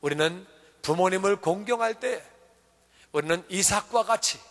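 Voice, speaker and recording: A male pastor preaches with a high, bright, ringing voice and tells a story with lively energy. The long reverb of a church hall hangs after his words. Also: normal speed. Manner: animated storytelling, acting out quoted speech. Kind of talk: sermon. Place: church sanctuary.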